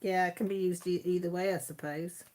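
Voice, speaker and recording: A woman hosts a casual live chat on her YouTube channel, reading out viewers' comments and laughing often in a homely, chatty way. She has a Mid Wales Radnorshire accent and a lowish, darkish voice, brisk in pace with fairly even intonation.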